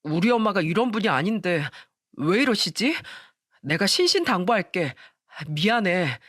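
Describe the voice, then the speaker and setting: A woman voicing a weak-willed young husband who speaks slowly and evasively. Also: mid-range voice, big pitch swings, dry recording, studio quality. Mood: apologetic. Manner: slow, reluctant, evasive.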